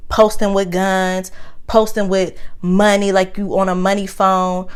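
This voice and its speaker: Young woman vlogging, blunt and sweary, talks right at y'all, smooth clear voice, middle pitch. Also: little pitch movement, measured pace. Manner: blunt, emphatic, swears freely; addresses viewers directly as y'all. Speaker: YouTuber. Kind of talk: casual Q&A vlog.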